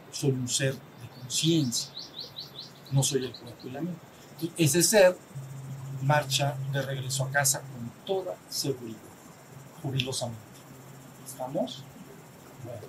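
A man with a Mexican accent, a spiritual teacher talking to a small group in a conversational way. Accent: Mexican Spanish. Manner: conversational, asks the group for assent, acts out little dialogues. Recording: faint rumble behind.

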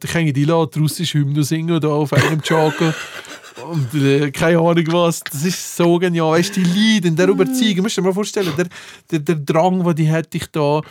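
A man with a Swiss German accent tells stories in a relaxed chat, laughing often and quoting people. His voice is a little high with a gravelly edge, and the recording is dry and close. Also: dry recording. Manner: laughing storyteller, animated quoting. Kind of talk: casual chat.

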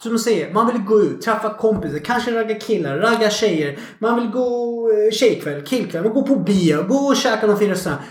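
A man chatting casually as a podcast guest, an animated storyteller who swears freely. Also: sits high, few pauses. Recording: echoey room.

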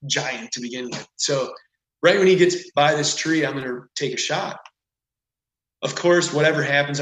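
A man as a podcast guest, telling a story casually and animatedly, with lots of "like" and "whatever.". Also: medium pitch. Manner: animated, rambling with frequent "like" and "whatever". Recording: echoey room.

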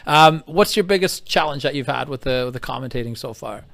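A man's voice: mid-range voice, animated, a little fast, creaky, a bit bright. A man interviewing a guest in a casual, enthusiastic, fan-like way.

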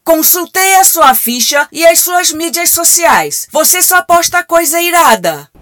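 A woman's voice: extremely high pitch, big pitch swings, a little slow, a bit bright, no room sound, full character voice. A Brazilian woman playing a cheeky, slangy AI telemarketing assistant in a comic radio play. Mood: breezy. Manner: breezy, slangy, scripted assistant patter. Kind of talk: radio comedy sketch acting.

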